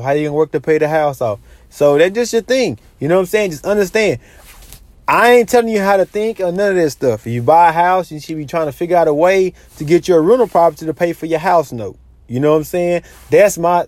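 High-voiced man lecturing casually. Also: a little mellow, dry recording. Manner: repetitive, lecturing, says "you know what I'm saying" a lot. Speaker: money advice vlogger. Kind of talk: casual advice monologue.

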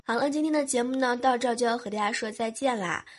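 A young woman hosts a casual podcast, reading listener messages with a playful, teasing, coy delivery. Her voice sits a little high, and her cold and sore throat come through. Faint music plays quietly underneath. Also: fast talker. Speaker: podcast host.

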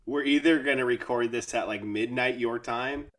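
A man's voice: medium pitch, fairly even intonation, moderate pace. A man co-hosting a podcast, chatting casually and joking with his co-host over a remote call. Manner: playful, joking, laughs often. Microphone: remote call recording.

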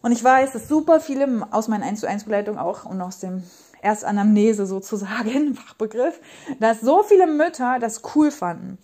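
A woman's voice: a little high, expressive, fairly quick, mellow. A woman in her thirties hosting a casual monologue podcast as a parenting coach, talking passionately and rambling with emphatic repetitions. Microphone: podcast microphone.

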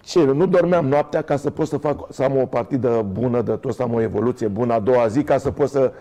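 A man's voice: medium pitch, warm tone. An older man, a former footballer telling stories as a guest in a casual interview, rambling and restarting often. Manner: rambling, anecdotal, frequent restarts. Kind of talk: casual conversational storytelling.

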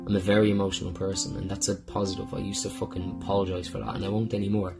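Gravelly, low-voiced man swearing freely. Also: flat delivery, racing. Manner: rambling and heartfelt, swears often. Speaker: podcast host. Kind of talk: casual personal monologue. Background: guitar music.

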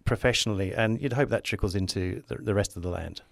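Low-pitched man musing enthusiastically, close dry sound. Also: quick pace, vocal fry, dry recording. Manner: enthusiastic, rambling, optimistic musing. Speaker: podcast guest, advertising creative. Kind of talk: casual conversational interview.

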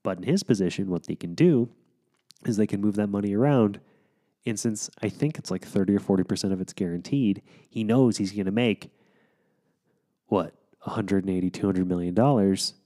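A man's voice: fairly low pitch, warm tone. A man co-hosting a casual chat, playfully argumentative, explaining things at length with frequent ums and restarts.

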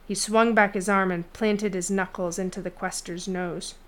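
A woman narrating a fantasy novel chapter in a steady storytelling read. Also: medium pitch, normal speed. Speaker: audiobook narrator. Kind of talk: scripted fiction narration.

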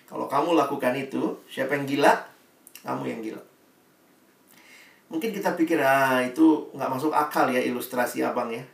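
A man preaching a lively sermon who acts out the characters in his illustrations with big swings of voice. His sound is roomy and echoey, as if he is a little way off the mic in a church hall. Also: medium pitch, moderate pace, vocal fry, long pauses, far from the mic. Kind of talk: sermon with storytelling.

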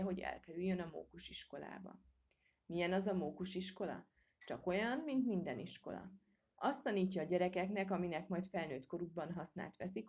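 A woman's voice: lowish voice, mellow, husky. A woman reading a children's storybook aloud as narrator, in a storytelling manner.

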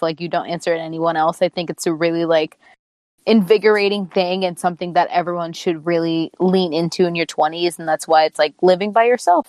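Young woman co-host, twenties, relaxed and reflective, slightly low pitch, dry recording. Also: no echo. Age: 20s. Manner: reflective, many "like" fillers. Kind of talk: casual chat among friends.

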